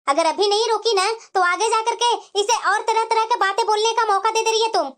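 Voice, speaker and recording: A woman plays an elderly mother-in-law in a cartoon story, stern with her son and protective of her daughter-in-law. She scolds in a very high, thin voice. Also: steady tone, fairly quick, fairly bright tone. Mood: firm. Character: caring older mother-in-law with sore knees.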